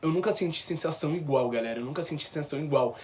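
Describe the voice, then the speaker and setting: A young man with a Brazilian accent telling a personal story in a vlog. He talks in a lively, slangy way and acts out what people said. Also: fairly high pitch, racing. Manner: animated, slangy, acts out quoted dialogue. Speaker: YouTuber.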